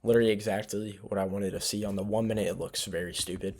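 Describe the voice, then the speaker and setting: A young man talks through his trades in a loose, rambling way, full of ums and restarts, sounding sleepy. His voice sits low and has a gravelly, creaky edge. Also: little pitch movement, fast, a little mellow. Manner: rambling, filler-heavy, self-correcting. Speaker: trading vlogger. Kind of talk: casual screen-share recap.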